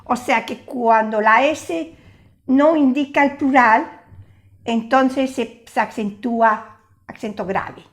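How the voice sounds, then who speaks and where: An older woman teaching a language lesson, patiently explaining and repeating each example word slowly. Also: on the high side.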